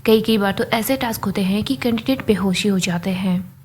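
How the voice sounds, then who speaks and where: A woman narrating a recap of a TV serial in a steady, matter-of-fact way. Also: medium pitch, moderate pace, slight background noise. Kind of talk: casual scripted narration.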